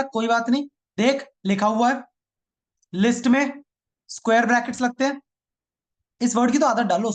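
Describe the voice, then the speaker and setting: A man teaching a live online programming class, teasing his students and repeating each line twice. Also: extremely high pitch.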